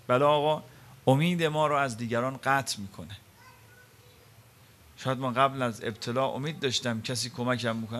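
A medium-pitched man gives a sermon, dramatically telling stories and raising rhetorical questions. He alternates between loud emphasis and hushed, quiet passages.

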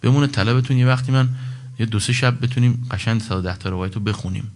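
A man preaching a religious sermon, reciting Arabic quotations and explaining them, his voice climbing in pitch on key points. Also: steady tone, darkish tone. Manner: emphatic, rising to a higher pitch on key points.

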